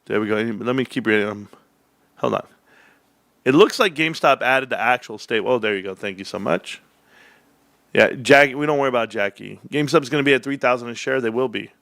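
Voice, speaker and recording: A man in his forties hosting a casual stock livestream, calling his viewers "bros" and "guys". He jumps into high, hyped bursts, then drops to low muttering. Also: vocal fry, fairly bright tone, no echo. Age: 40s.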